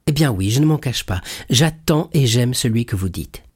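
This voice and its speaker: A man's voice: medium pitch, expressive, normal speed, darkish tone, slightly rough, no room sound, clean studio sound. A man reading aloud voices a passionate, loyal young fiancée who pleads with fervor in a storybook. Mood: earnest pleading. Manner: fervent, tearful pleading.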